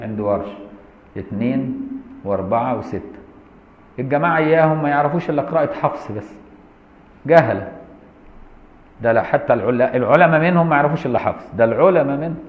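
A man's voice: mid-range voice, quick pace, long pauses. Egyptian man teaching in an echoey hall. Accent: Egyptian Arabic. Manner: colloquial and mocking asides between text readings. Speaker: Islamic law teacher. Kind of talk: classroom commentary on a law text. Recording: roomy lo-fi lecture hall recording.

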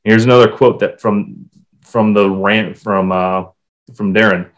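A man's voice: on the low side, a little slow. A man co-hosting a podcast, talking casually and animatedly, with swearing. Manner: animated, swearing, reading quotes aloud. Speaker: podcast co-host. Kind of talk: casual hockey podcast chat.

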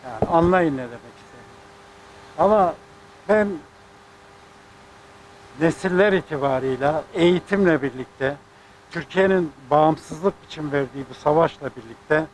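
Older guy ranting, kinda high voice, faint bug buzzing behind. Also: normal speed, long pauses, a little hiss or hum, low-quality recording. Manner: indignant, rambling, emphatic. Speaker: sports club president. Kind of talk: press statement.

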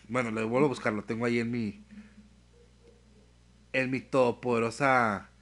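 On a live stream, a young man with a Mexican Spanish accent chats casually in a medium-pitched voice. He tells stories with animated energy, his talk full of slang and swearing.

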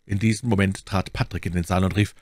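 A man narrating a classic novel as an audiobook in a measured storytelling manner. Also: low-pitched, fairly even intonation, a little mellow, dry recording, studio quality.

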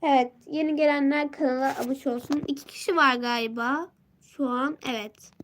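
A woman's voice: high voice, steady tone, brisk, a little hiss or hum. A teenage girl chatting on a casual live stream, greeting viewers and reading out comments, her voice worn from a sore throat and a stuffy nose.

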